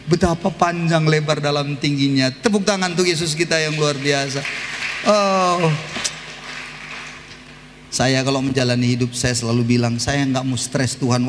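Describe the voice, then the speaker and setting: A man preaching a sermon as pastor, passionate, moving between loud exclamations and soft, low murmurs. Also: long reverb tail, a little hiss or hum. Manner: impassioned preaching, swinging from shouts to soft murmurs. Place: church sanctuary.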